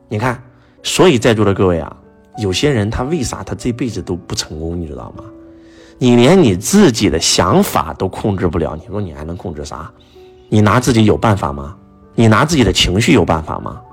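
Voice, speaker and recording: Animated male motivational speaker, husky voice. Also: fairly low pitch. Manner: animated, rhetorical questions, storytelling. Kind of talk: motivational lecture to an audience.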